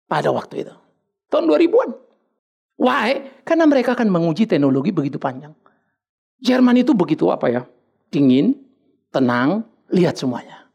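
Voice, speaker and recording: A male pastor preaching with a swinging, lively pitch. His voice has a gravelly edge, and he jokes and drops English words as he goes. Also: normal speed, long pauses. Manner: animated, joking, mixes in English words. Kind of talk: sermon.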